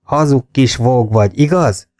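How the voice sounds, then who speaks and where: A man voicing an army captain who shouts commands in a drill-sergeant bark. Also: mid-range voice, no echo, clean studio sound, pitched above the performer's own voice, natural voice.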